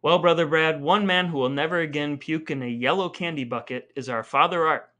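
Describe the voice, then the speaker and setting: A man with a slightly high, bright voice speaks briskly and forcefully as he co-hosts a casual podcast with his brother. He tells stories in a wry, playful way and reads the scripted outro.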